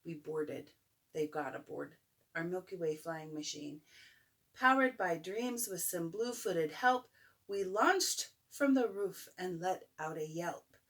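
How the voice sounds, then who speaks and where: Unhurried older woman reading a bedtime story. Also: on the low side. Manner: expressive, playful, talking to a child listener. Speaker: grandmother reading a picture book. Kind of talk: bedtime story read-aloud with chatty asides.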